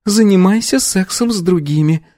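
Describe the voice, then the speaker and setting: A man's voice: sits high, moderate pace, warm tone, no room sound, clean studio sound, pitched above the performer's own voice, close to an everyday voice. Marianna, a man voicing a scornful young woman. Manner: mocking, contemptuous.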